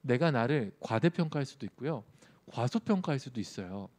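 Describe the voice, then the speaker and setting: A man's voice: mid-range voice, expressive, fairly quick, a little mellow. A male youth pastor preaching a sermon in a conversational way, often putting questions to his listeners. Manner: conversational, asks the audience questions.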